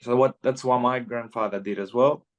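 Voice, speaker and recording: A man's voice: medium pitch, steady tone, moderate pace. A man in his twenties from Greece, chatting easily as a guest in an interview and often adding "you know". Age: 20s. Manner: laid-back, peppers speech with "you know". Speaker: guest fighter. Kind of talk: casual interview chat.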